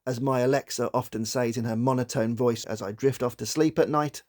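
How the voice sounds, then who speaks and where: A man hosting a psychology channel, giving scripted video-essay narration in a measured, explanatory way. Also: mid-range voice, steady tone, a little mellow.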